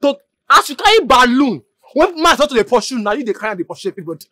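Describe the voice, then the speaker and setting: An actor in a film drama playing a student who loudly taunts and scolds a classmate, in a Nigerian Pidgin accent. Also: male voice, extremely high pitch, big pitch swings, racing, no echo, exaggerated voice.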